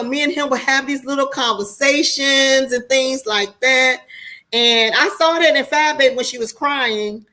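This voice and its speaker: An American woman in her forties with a high, bright voice hosts an online show, talking to viewers in a casual livestream monologue. She's candid, colloquial, and preachy, and swears freely.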